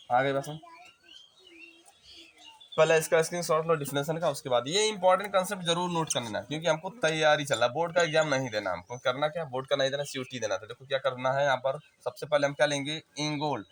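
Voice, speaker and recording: A man's voice: fairly high pitch, fairly bright tone. A man teaching chemistry to students. He explains step by step, keeps asking questions and then answers them himself. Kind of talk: classroom lecture.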